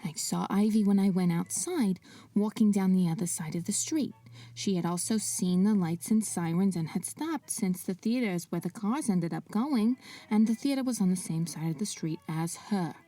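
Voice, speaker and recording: A woman's voice: mid-range voice, moderate pace, warm tone, dry recording, distant mic. A woman narrating a fictional mystery as its protagonist, with wry, sarcastic asides. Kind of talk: scripted drama narration.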